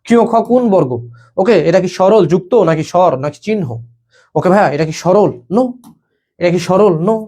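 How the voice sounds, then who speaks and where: Here the young teacher's voice is high and mellow as he leads a live online admission class. He quizzes his students quickly and repetitively, echoing each question and answer and repeatedly saying "okay bhaiya."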